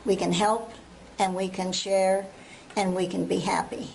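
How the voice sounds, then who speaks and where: An older woman speaks earnestly and without hurry. Her voice sits at a middle pitch, with a faint ambient noise behind her. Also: steady tone, a little slow, gravelly. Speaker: customer giving a testimonial. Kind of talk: unscripted testimonial.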